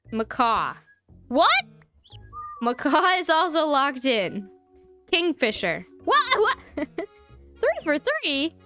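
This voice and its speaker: A woman's voice: fairly high pitch, pushed and bright. A woman giving casual, chatty let's-play commentary while building in a game, laughing often and talking through hiccups. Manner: giggly, chatty, frequent laughter. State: hiccuping, voice strained. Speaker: gaming YouTuber.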